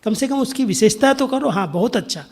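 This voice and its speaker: A middle-aged man giving a spiritual discourse, telling a story in an unhurried way and sometimes sinking to a soft near-whisper. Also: very high voice, expressive, husky. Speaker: spiritual speaker.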